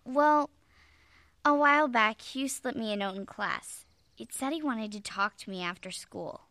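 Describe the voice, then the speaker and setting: A trusting, earnest girl in a radio drama, with a bright, fairly high voice. Faint music runs behind her. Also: a little slow, a little hiss or hum. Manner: earnest, reasoning. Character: earnest trusting girl club member and narrator.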